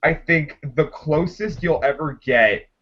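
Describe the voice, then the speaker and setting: A man's voice: on the high side, unhurried. A man co-hosting a podcast, telling stories animatedly in casual chat. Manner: animated storyteller, breaks in to make points. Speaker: podcast co-host. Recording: dull lo-fi sound.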